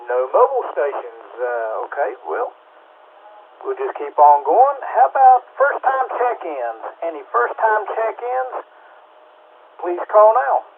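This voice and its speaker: A man's voice: sits high, slow. Man on a staticky two-way radio. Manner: steady, procedural, calls for check-ins. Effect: two-way radio transmission with static. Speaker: net control operator. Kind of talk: amateur radio net, reading a formal preamble. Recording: tinny radio with faint static hiss.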